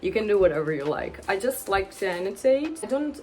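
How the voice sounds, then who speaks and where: Talking to camera at home among her pets, this twenty-something Portuguese-speaking book vlogger rambles a little awkwardly and laughs a lot. Her mid-range voice has a darkish tone and big pitch swings, and she speaks a little fast. There is slight background noise.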